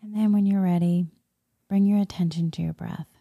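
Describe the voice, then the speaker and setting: Female meditation leader; soothing half-whispered murmur, very dark mellow tone, dry close sound. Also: on the low side, fairly even intonation, a little fast, no room sound. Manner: soft, breathy, soothing spa-like murmur, often slipping into whisper. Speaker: guided meditation leader, Reiki healer. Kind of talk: soft guided meditation.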